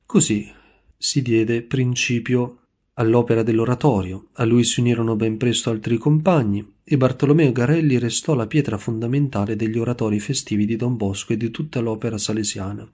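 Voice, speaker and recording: A male narrator reads a scripted story in a measured, solemn way. His voice is dark and mellow, sitting at a middling pitch. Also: steady tone, breathy edge.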